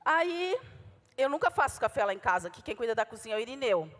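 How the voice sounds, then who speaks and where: A Brazilian woman pastor preaching a passionate sermon, swinging from loud calls to soft, quiet asides. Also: a little high, big pitch swings, fast talker. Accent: Brazilian Portuguese. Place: church hall. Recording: long church hall reverb.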